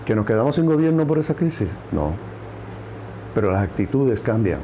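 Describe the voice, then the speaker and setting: A man's voice: mid-range voice, very animated, normal speed, warm tone, highs cut off, slight background noise. A man with a Puerto Rican accent giving political commentary on a news program, stressing points by repeating words. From Puerto Rico.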